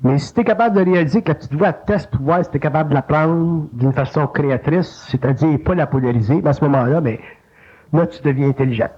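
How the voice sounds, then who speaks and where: Un homme à l'accent québécois qui enseigne d'un ton familier et animé, sa voix grimpant soudain pour imiter une petite voix intérieure. Son timbre est un peu voilé, sans éclat. L'enregistrement, tiré d'une vieille cassette numérisée, sonne étouffé et lo-fi. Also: male voice, fast talker, breathy edge. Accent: Quebec French. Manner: colloquial, animated, jumps up in pitch to mimic an inner voice. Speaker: spiritual teacher. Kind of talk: informal spoken teaching. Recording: lo-fi digitized cassette tape.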